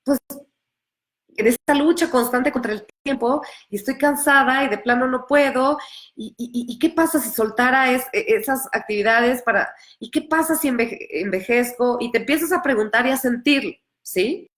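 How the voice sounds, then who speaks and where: A woman's voice: sits high, normal speed, fairly bright tone. A woman giving a live coaching talk, earnest and direct, acting out inner voices and repeating key phrases. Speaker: empowerment coach.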